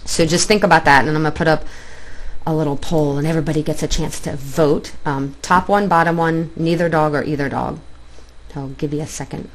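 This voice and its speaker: A woman's voice: low voice, steady tone, a little fast. A woman instructor explaining dog body language in a plainspoken online lecture, pointing out pictures on slides.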